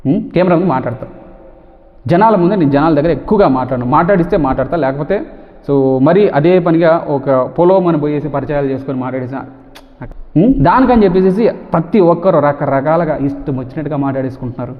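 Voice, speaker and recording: A man vlogging to camera, talking fast and forcefully and firing off repeated rhetorical questions. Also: fairly high pitch, lively intonation. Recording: tinny phone-like sound with long reverb.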